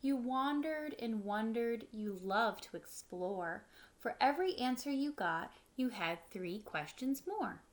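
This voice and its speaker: In a living room at home, a woman in her thirties reads a picture book aloud like a teacher, slipping in short, simple explanations for children. Her voice sits a little high, with lively intonation and a measured pace.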